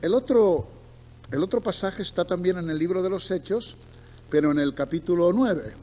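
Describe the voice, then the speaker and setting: Speaking at a moderate pace in a high-sitting voice with a dark tone, a middle-aged Barcelona man with a Spain accent delivers a sermon of Bible reading and stories, full of emphatic repetition and asides to the congregation. The recording is muffled with noticeable background noise.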